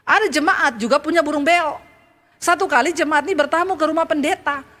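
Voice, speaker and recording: High-voiced woman pastor preaching. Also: a little fast. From Indonesia. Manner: storytelling, animated, swings between high and low. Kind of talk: sermon.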